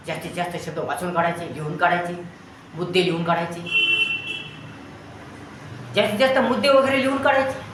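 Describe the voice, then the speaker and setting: A man's voice: high voice, fairly bright tone, a little hiss or hum. A man teaching, giving students an earnest motivational talk in long repeated lists of advice. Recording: very echoey room with faint ambience.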